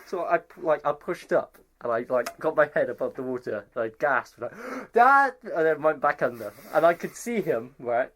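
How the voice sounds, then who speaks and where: Animated young man telling stories. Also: on the high side, normal speed, few pauses. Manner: animated storyteller, voices others in quotes, laughs through tales. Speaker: podcast co-host. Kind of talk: casual storytelling chat.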